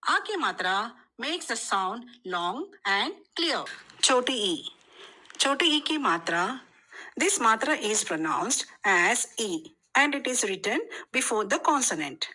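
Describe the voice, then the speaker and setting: A woman gives a scripted beginner lesson, speaking very slowly and setting each example word apart. Her voice is bright and clear, and her pitch rises and falls a great deal. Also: rough recording. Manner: slow, clear, repeats examples one by one. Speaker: language teacher.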